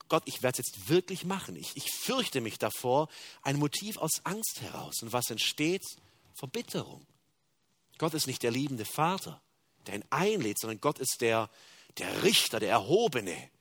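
A male preacher delivers a sermon with a lively, swooping voice that ranges from near-whispered confession to ringing emphasis. His voice sits a touch high for a man. The recording is close and dry, with no room sound. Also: slightly rough, dry recording. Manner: dramatic swings between hushed confessional tones and loud emphatic preaching.

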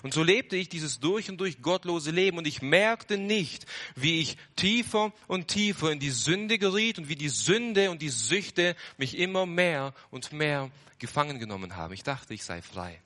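A young man preaches his testimony in an earnest sermon voice. His tone is bright and forceful, rising into loud surges and then sinking to hushed lows. He repeats phrases for emphasis. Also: lively intonation, moderate pace, hardly any pauses.

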